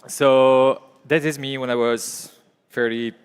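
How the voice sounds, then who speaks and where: A man in his forties speaks with a French-speaking Belgian accent at a conference, hesitant and chatty. His voice is smooth and resonant. A long reverb from the large hall trails behind him. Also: mid-range voice, steady tone, takes it slowly. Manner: hesitant, conversational, many fillers and restarts. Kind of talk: conference talk.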